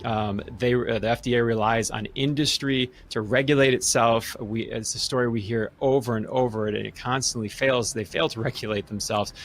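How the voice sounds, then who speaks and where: A man's voice: medium pitch, steady tone, moderate pace, hardly any pauses. A man reading out and commenting on a report in a conversational way, with many uhs and ums.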